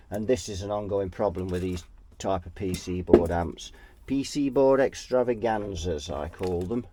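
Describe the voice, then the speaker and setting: A low-pitched, mellow male voice, nasal and sniffly from a head cold. At his workbench he talks casually through repairing an amp, musing aloud, often trailing off partway and starting again.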